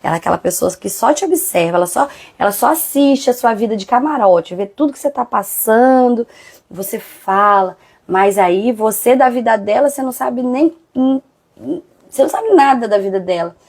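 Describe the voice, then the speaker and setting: Woman hosting a lively devotional. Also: fairly high pitch, normal speed, husky. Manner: animated, acts out quoted friends. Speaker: devotional live host. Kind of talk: livestream devotional talk.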